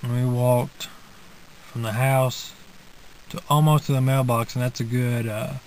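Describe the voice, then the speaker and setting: A man's voice: mid-range voice, level tone, unhurried, a little mellow, low-quality recording. A young man rambles to his camera from the driver's seat of a parked car, easygoing and full of fillers and restarts. His voice sits in a middle register, close to an arm's-length camera mic. A faint hiss runs underneath. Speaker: vlogger. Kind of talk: casual rambling monologue. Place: inside a parked car in the woods. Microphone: phone or camera held at arm's length.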